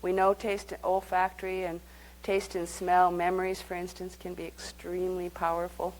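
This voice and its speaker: A woman's voice: fairly low pitch, monotone, moderate pace, rough recording. A woman leading a live workshop, speaking conversationally and guiding the group through exercises. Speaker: workshop teacher.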